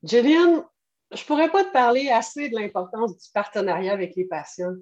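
A French Canadian woman in her late forties, appearing as a podcast guest and patient partner, answers earnestly in a brisk, fairly high voice with a darkish tone. The recording sounds slightly dull and narrow-band.

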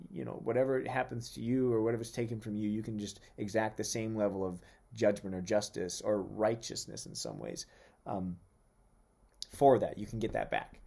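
A man preaching in a podcast sermon who talks in an animated way, throws in playful asides and slows down to read scripture. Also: fairly low pitch, gravelly. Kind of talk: sermon-style podcast teaching.

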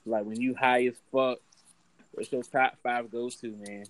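A man's voice: mid-range voice, steady tone, a little slow. A man with an American accent hosting a casual, profane chat full of slang, talking as if among friends. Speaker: podcast host.

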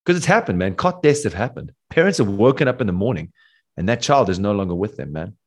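Earnest low-voiced man musing on life. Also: animated, fast. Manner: earnest, philosophical, says "dude" and "man". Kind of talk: reflective casual chat.

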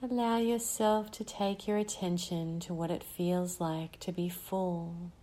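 A woman leading a guided breathing meditation, speaking in a slow, soothing way with long pauses between phrases. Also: lowish voice, fairly even intonation, warm tone.

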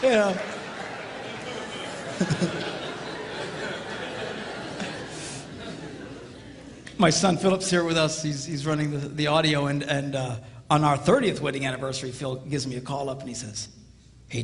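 A pastor in his fifties, telling funny stories in a sermon with an animated, jokey delivery and chuckles between lines. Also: fairly high pitch, takes it slowly, pauses often, in a large hall, a faint crowd, slight background noise. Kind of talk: humorous sermon storytelling.

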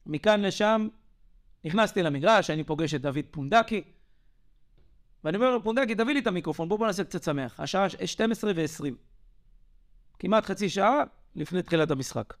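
Young adult male podcaster, high-pitched, agitated, emphatic storyteller. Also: expressive, pauses often. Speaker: podcast co-host. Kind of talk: heated podcast monologue.

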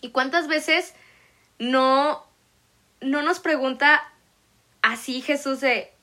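A woman's voice: sits high, bright, forceful tone. A young woman with a Mexican accent, chatting playfully about faith and retelling scripture with slang. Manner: playful, slangy, quick to laugh. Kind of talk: casual faith discussion.

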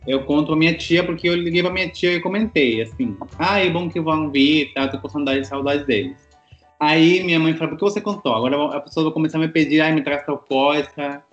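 A man in a casual chat, telling a quick, matter-of-fact family anecdote. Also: on the high side. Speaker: podcast co-host. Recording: dull, roomy sound with faint music.

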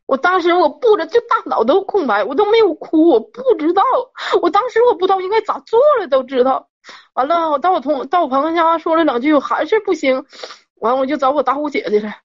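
A woman's voice: high voice, expressive, fast talker. A woman, a caller telling a personal story in a rambling, worked-up way and repeating herself. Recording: dull lo-fi audio.

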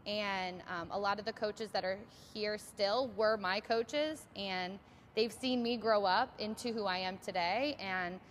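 A woman's voice: medium pitch, measured pace. A young woman in her twenties talks casually as a tennis coach, scattering ums and you-knows through her answers. Her voice sits in a middle register, with faint noise behind it. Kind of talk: interview answers.

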